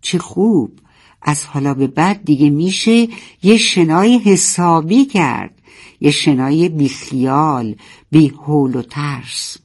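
A storyteller voicing a young male narwhal, curious and fearful, in a higher, plaintive tone. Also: husky, lightly acted. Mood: wondering.

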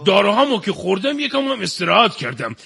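A man's voice: sits high, big pitch swings, gravelly, bright, forceful tone, heavily acted. A man playing a joking, bumbling middle-aged husband in a comedy sketch, cracking jokes with a laugh. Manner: wisecracking, laughing through lines. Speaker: comic storyteller in a sketch.

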